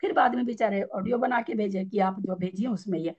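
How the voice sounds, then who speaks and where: A woman's voice: medium pitch, fairly quick, darkish tone, slightly rough, muffled recording. A woman teaching a scripture class in a casual, chatty way. She often restarts her sentences and explains with homely everyday examples.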